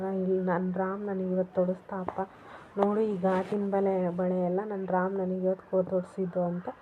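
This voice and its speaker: A woman casually retelling a TV serial episode, quoting the characters' lines as she goes. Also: medium pitch. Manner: retells scenes, voicing each character's lines in quotes. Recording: tinny phone-like audio, faint noise.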